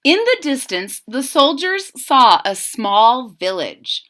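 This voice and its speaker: Reading a picture book to children, a woman uses an expressive voice that sits high and moves slowly, asking her young listeners questions directly.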